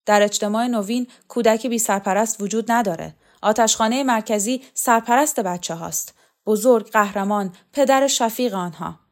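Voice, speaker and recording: A woman's voice: fairly high pitch, lightly acted. A woman voicing a cold, domineering female commander who barks harsh, clipped orders, read in a storybook. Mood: commanding.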